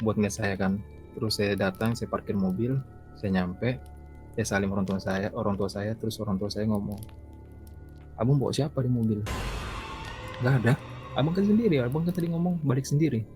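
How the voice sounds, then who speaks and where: A man's voice: fairly low pitch, a little mellow. A young man from East Kalimantan telling his own ghost story in a loose, rambling way, repeating himself and acting out his talk with his mother. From East Kalimantan, Indonesia. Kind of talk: casual spoken storytelling.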